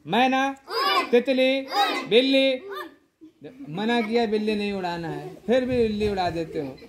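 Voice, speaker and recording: A woman teacher leading a children's group game, calling out words loudly and often half-shouting, and teasing the players playfully. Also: mid-range voice, animated, a little fast, crowd noise.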